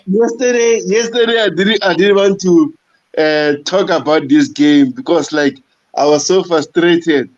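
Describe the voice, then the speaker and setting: Man, high voice, slow, halting speech with repeats, frustrated fan, muffled lo-fi audio. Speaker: guest fan on a live stream. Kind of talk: casual football rant.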